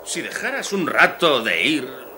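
A voice actor playing a lazy, dismissive husband who runs a gas station in a dubbed film. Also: male voice, mid-range voice, sing-song, unhurried, bright, forceful tone, a little hiss or hum, full character voice. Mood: sullen. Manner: mocking, dismissive.

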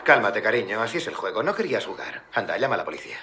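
A man's voice: lowish voice, big pitch swings, rapid-fire, very noisy. A man playing a cocky, hot-headed young mob enforcer in dubbed film dialogue, brash and commanding. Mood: cool. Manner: brash and commanding, swings from coaxing to threats.

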